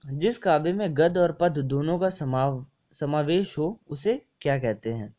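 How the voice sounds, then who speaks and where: A man's voice: a little high, expressive, a little slow, mellow. Chatty young male exam tutor. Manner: chatty and repetitive, mixing English words into Hindi, often saying ठीक है. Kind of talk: casual screen-share lesson explaining test answers.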